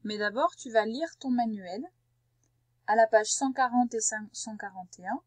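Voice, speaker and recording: A woman teacher, her voice slightly higher than most, dictates syllables and short words to a young child. She pronounces every sound slowly and distinctly, with patient instructions between them. The recording is close and dry, with no room sound. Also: dry recording. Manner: slow, carefully articulated syllables with gentle instructions. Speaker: primary school teacher.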